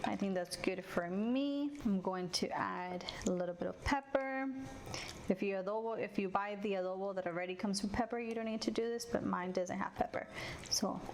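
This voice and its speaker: A woman from Cuba hosting a home cooking tutorial, chatting warmly to viewers as she cooks in her kitchen. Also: medium pitch, normal speed, a little hiss or hum. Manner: friendly, chatty, addresses viewers directly. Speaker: cooking channel host. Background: sizzling frying food.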